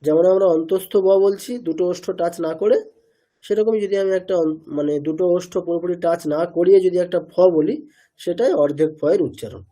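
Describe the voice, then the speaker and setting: Mellow-voiced man teaching pronunciation. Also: high-pitched, fast. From India. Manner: asks students questions and repeats answers; demonstrates sounds by repeating syllables. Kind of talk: online class lecture.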